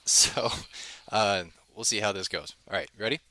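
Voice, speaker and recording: A man's voice: fairly low pitch, normal speed, pushed and bright. A man hosting a podcast, talking casually and loosely with many filler words. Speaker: podcast host. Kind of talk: casual chat.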